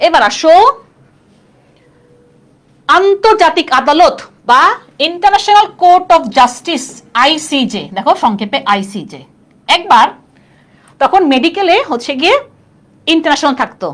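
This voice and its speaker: A woman's voice: high voice, lively intonation, normal speed, pauses often. A young woman teaching a live online class, chatty and constantly checking in with students. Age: young adult. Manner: chatty, quizzing students with "clear?". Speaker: admission test tutor.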